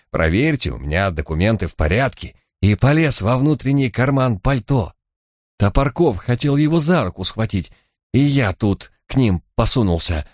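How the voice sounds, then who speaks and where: A man voicing a panicky, self-pitying male detective who talks in a shrill, defensive way. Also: no echo, clean studio sound. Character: panicky, whining middle-aged male detective.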